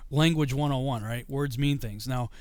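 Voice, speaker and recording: Speaking at a normal speed in a smooth, slightly mellow mid-range voice, the guest explains scripture over a video call from his home study, with no echo. He's a middle-aged man whose first language is English, and his explanations wander, full of fillers and restarts.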